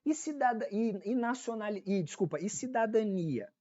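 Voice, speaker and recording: A high-pitched, expressive male voice with a dark tone moves at a moderate pace, captured dry and lo-fi. He's a law teacher with a Brazilian Portuguese accent running a casual online exam-prep session, going over key points repeatedly, checking on his audience and fixing his own mistakes.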